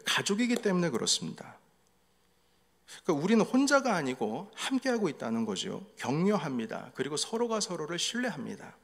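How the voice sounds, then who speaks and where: A man's voice: a little high, very animated, brisk, vocal fry. A middle-aged man preaching a sermon as pastor, telling family stories and acting out what was said. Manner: storytelling, acting out family quotes. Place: church sanctuary. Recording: echoey hall reverb.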